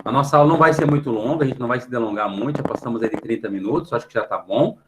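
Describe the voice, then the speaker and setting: A man's voice: medium pitch, background noise. A Brazilian man teaching an online class, explaining patiently and checking in with the students after nearly every phrase. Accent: Brazilian Portuguese. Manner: explains patiently, filling pauses with a questioning tag. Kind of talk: online class for middle schoolers. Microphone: computer mic on a video call.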